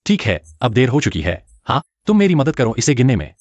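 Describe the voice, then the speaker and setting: A man voicing an excitable young hero. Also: mid-range voice, a little fast, no room sound, lo-fi sound, natural voice. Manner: excitable, earnest. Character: young man, eager hero gaining x-ray sight. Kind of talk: dubbed drama.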